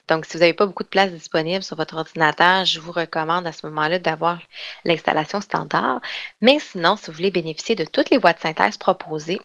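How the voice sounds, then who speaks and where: Woman, webinar trainer, lowish voice, chatty with fillers, dry close mic. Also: fairly bright tone, no echo. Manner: chatty explanatory, frequent fillers and restarts. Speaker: software trainer. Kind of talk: online webinar demonstration.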